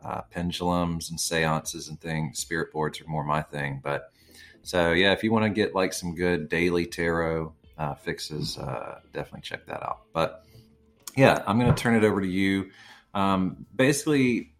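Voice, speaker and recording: Deep-voiced man hosting a casual chat. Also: normal speed. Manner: rambling, with many fillers and casual swearing. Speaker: podcast host.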